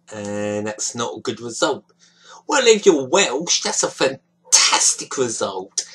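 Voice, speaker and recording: A young man vents his frustration and disappointment over a football match in casual webcam commentary, his hands constantly moving. His voice is mid-range and a little bright, recorded at close range in a small, dim room with low quality.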